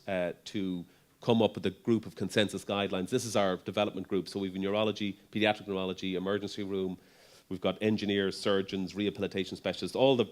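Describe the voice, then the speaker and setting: A middle-aged man speaking at a medical conference. He talks in a conversational way, with frequent ums and restarts, and his voice sits on the low side. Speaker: neurologist speaker. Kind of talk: conference talk.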